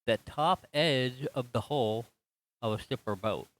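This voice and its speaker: A firefighter from Colorado chatting thoughtfully at an online book club, pausing with fillers. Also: male voice, mid-range voice, fairly bright tone. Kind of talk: casual book club chat.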